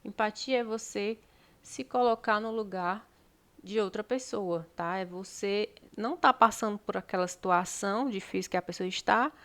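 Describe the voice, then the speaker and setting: A woman's voice: medium pitch, normal speed, a bit bright. Brazilian woman teaching, patient and explanatory. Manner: explanatory, frequent tag questions. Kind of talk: exam-prep lesson.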